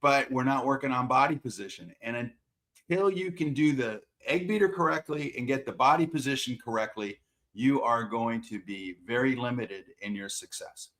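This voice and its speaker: A man in a middle pitch talks frankly about coaching and freely admits his own shortcomings. He often repeats a word or two while he lines up his next thought. His delivery is plain and unpolished. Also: moderate pace, fairly bright tone. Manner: plain-spoken, self-deprecating, repeats words as he gathers thoughts. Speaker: swim and water polo coach. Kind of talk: interview answers.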